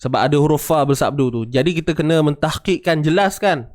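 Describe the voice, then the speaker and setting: In a casual Quran recitation lesson, a man with a Malaysian Malay accent chants examples and keeps checking that listeners understand. His voice sits fairly high and moves fairly quickly.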